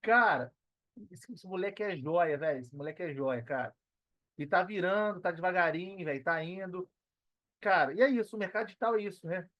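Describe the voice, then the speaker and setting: A man with a high-pitched, expressive voice talks a little fast, and the recording is dry and muffled. He's Brazilian, a digital entrepreneur appearing as a podcast guest, chatting casually with slang in an earnest, emphatic way and repeating phrases to drive points home.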